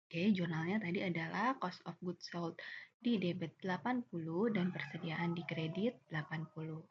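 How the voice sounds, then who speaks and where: This is an Indonesian-accented woman with a fairly low pitch, lecturing on accounting in a didactic, step-by-step way through worked examples. She regularly answers her own questions. Clear background noise sits under the dull, lo-fi recording.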